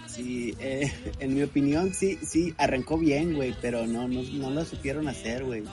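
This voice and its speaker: Man, Mexican accent, average pitch, slangy profane joking, casual group chat, clear music behind. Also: moderate pace.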